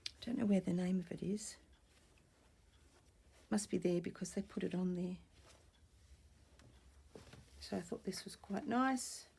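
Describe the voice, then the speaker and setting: A woman with a slightly croaky voice, talking softly and rambling in a casual show-and-tell vlog from a small room at home, often dropping to near-whispers. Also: fairly low pitch, a little slow, long pauses. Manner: soft-spoken, rambling, drifts into near-whispers. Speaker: vlogger showing vintage finds. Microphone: camera or tablet on a desk.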